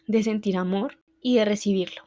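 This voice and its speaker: A woman, hosting a podcast and telling a personal story in a reflective, heartfelt, halting way. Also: mid-range voice, steady tone, mellow. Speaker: podcast host.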